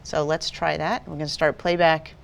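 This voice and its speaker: A woman with a lower-pitched voice walks through a software tutorial one step at a time. She explains patiently and plainly, like a teacher guiding a class. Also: level tone, moderate pace, vocal fry, a crowd in the background. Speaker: video editing instructor. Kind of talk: screen-recorded software tutorial.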